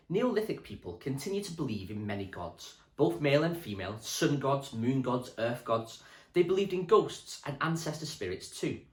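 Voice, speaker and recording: A primary school teacher with a medium-pitched voice reads a children's history book aloud. He tells the story clearly and expressively for young listeners, and the room sounds echoey.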